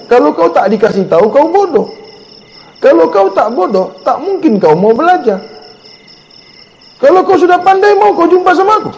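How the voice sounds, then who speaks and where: A male religious teacher, giving a repetitive, scolding Sufi sermon that rises to sharp outbursts. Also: high-pitched, creaky. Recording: dull sound with long reverb.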